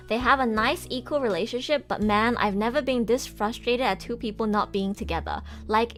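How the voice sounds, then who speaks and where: A woman streamer chatting casually on a livestream, ranting in an animated, exasperated way, swearing and laughing often. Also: on the high side. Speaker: VTuber streamer.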